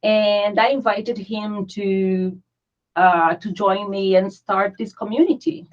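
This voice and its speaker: A woman's voice: medium pitch, slow. A woman from Brazil, with a Brazilian Portuguese accent, speaking as a guest in a casual interview, earnest and chatty, sometimes searching for words. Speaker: guest, founder of a pagan community. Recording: dull lo-fi audio.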